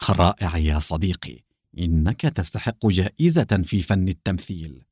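A man's voice: low voice, normal speed, breathy edge, dry recording, studio quality, voice pushed down. A man reading aloud, voicing a cunning male secret agent who feigns shock and anger with theatrical flair. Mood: calm. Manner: calm, then feigned shock and outrage.

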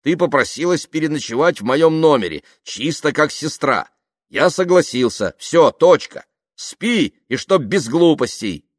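A man's voice: extremely low pitch, normal speed, no echo, studio quality. A man reading an audiobook, voicing a tired, stern married man in his late thirties who answers curtly. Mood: scolding. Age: 30s. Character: weary married man, 38, stern, easily exasperated.

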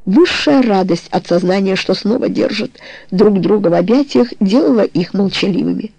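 Woman narrator, audiobook, measured, dark voice, gravelly, dry sound. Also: medium pitch, no room sound, low-quality recording.

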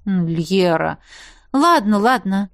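A woman voicing a fiery young heroine who is quick to anger, talking sharply and sarcastically. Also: mid-range voice, lively intonation. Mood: exasperated.

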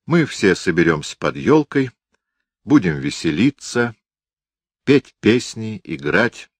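A man reading an audiobook, voicing a calm, firm young woman who protects children. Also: low-pitched, no room sound, heavily acted. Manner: soothing, firm.

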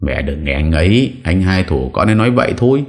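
A man with a very low voice voicing a hot-headed adult son who argues with his family in an audio story. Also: very animated, quick pace. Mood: defiant. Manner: defiant.

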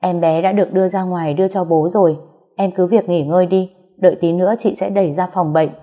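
Woman doing a sad slow-talking nurse, low mellow voice. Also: fairly even intonation, natural voice. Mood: reassuring. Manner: slow, somber. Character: solemn hospital nurse, woman.

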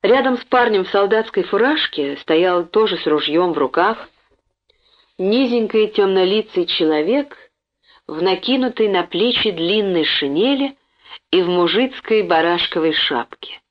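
A woman's voice: medium pitch, expressive, a little slow. Woman narrating an audiobook, lo-fi. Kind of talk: audiobook reading. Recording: dull lo-fi recording.

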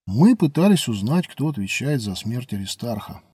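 A man's voice: mid-range voice, big pitch swings, normal speed, a little mellow, breathy edge, no room sound, clean studio sound. A man voicing a cocky, unpredictable young male twin who talks in a boastful, lightly mocking way, as an audiobook character. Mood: cool, boastful.

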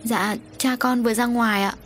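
A woman's voice: a little high, fairly even intonation, normal speed, faint music behind, pitched above the performer's own voice, close to an everyday voice. A woman voicing an anxious younger sister. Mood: pleading. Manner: pleading, anxious. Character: caring younger sister, near tears.

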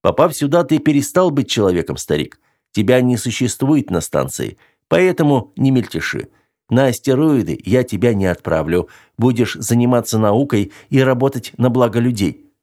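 A man voicing a calm, confident male space captain with a wry, commanding manner. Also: medium pitch, normal speed. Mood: calm domineering. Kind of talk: audiobook character voice.

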